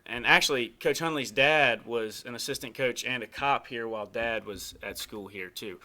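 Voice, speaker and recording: A young man hosting a casual interview, easygoing and halting, with frequent fillers and restarts. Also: mid-range voice, pushed and bright. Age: young adult. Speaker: host.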